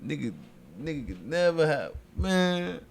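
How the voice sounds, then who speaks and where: A man's voice: a little high, big pitch swings, unhurried, vocal fry. A young man co-hosting a podcast, chatting casually and laughing, often repeating himself as he finds his words. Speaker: podcast co-host. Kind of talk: casual chat.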